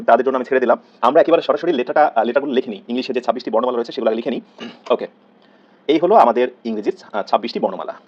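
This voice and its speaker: A man with a Bangladeshi Bengali accent teaching an online English grammar class, earnest and drilling pronunciation by repeating each sound. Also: medium pitch. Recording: slightly dull, lo-fi audio.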